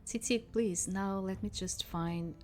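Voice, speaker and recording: A woman's voice: medium pitch, slow pace, darkish tone, soft background music, close to an everyday voice. A woman voicing a mischievous androgynous rescuer in a fantasy game, with a dramatic, teasing manner. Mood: welcoming.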